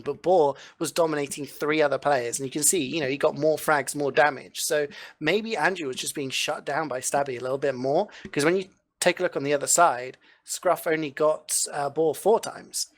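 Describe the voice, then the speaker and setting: A male co-caster with a slightly high voice breaks down live match stats. He sounds amused and thinks aloud as he works through the numbers. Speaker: esports co-caster.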